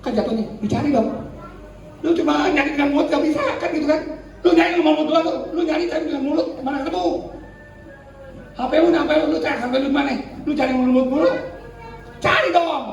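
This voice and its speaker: A male pastor preaching in a lively, colloquial way, slipping into slang and acting out the people he quotes. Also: extremely high pitch, fast talker. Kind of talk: sermon. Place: church hall. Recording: echoey church hall, distant mic, faint noise.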